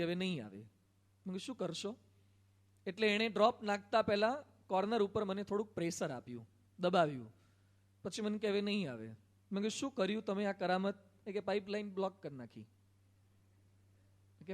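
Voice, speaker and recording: A Gujarati monk delivers a sermon to a gathering in a hall. His voice sits high for a man, and he tells anecdotes, voicing both sides of the exchange with light humor. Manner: storytelling with quoted dialogue and humor. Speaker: monk preacher. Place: assembly hall.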